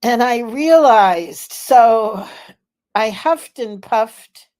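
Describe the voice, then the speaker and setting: A woman in her seventies hosting a live vlog, telling a story in a slow, chatty way with many fillers. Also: fairly high pitch, animated, darkish tone. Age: 70s. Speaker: vlog host. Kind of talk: casual live vlog chat.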